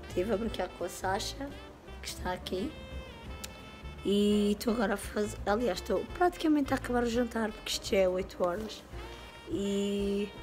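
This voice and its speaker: Young woman, hoarse sick voice, casual vlog chat w/ bits of english, music behind. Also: mid-range voice. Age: 20s. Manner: informal, drops in English words. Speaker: vlogger. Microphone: phone or camera at arm's length.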